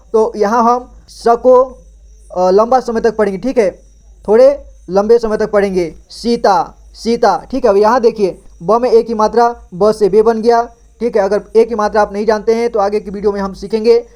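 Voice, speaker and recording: A man's voice: high voice, a little mellow. A man gives a patient reading lesson, building words syllable by syllable. He repeats each sound and keeps turning to the listener to read it back. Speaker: Hindi reading teacher.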